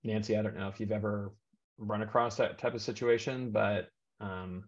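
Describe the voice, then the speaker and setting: A man's voice: fairly low pitch, fairly even intonation, normal speed. A man speaking on a video call, rambling with many fillers and restarts. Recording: dull lo-fi call audio.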